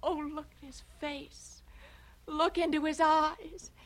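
An actress playing a tender-hearted young daughter who speaks in an earnest, pleading, compassionate way. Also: female voice, high-pitched, flat delivery, slow pace.

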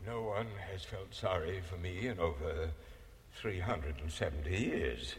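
An actor playing a centuries-old noble English ghost who declaims in a booming, archaic, melodramatic way. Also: male voice, big pitch swings, takes it slowly, gravelly, bright, forceful tone, long reverb tail, exaggerated voice. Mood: shaken.

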